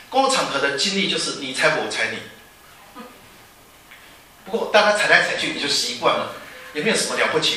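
Fast, bright-voiced man joking in a hall. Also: on the high side. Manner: joking, rhetorical questions. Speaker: speaker addressing new overseas students. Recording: echoey hall from far off.

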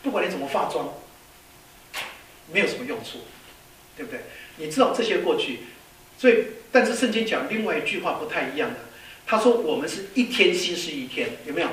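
Male preacher, high voice, heard from afar in a roomy hall, lively and questioning. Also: a little fast, long pauses. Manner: lively, many rhetorical questions, storytelling; mixes in English words. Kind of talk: sermon. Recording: echoey hall, distant mic, faint hiss.

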